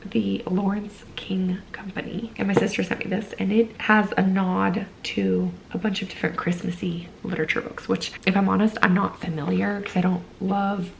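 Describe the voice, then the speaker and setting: Gravelly-voiced woman chatting in a vlog. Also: mid-range voice, flat delivery, normal speed, hardly any pauses, slight background noise, poor audio. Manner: rambling and conversational, with frequent "like". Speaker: book vlogger and library worker. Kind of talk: casual chatty vlog talk. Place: at home.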